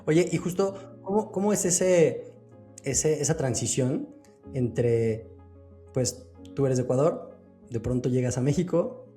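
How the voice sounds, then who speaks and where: Mellow-voiced podcast host. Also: male voice, mid-range voice. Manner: chatty, hesitant restarts while framing questions. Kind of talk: casual interview conversation.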